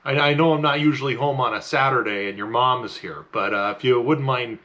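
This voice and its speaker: A man's voice: mid-range voice, brisk, sharp tone, lightly acted. A man playing a hesitant, awkward mom's boyfriend who tries to keep the peace. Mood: placating. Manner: hesitant, placating, folksy. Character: meek, awkward mom's boyfriend, middle-aged. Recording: music playing behind the voice.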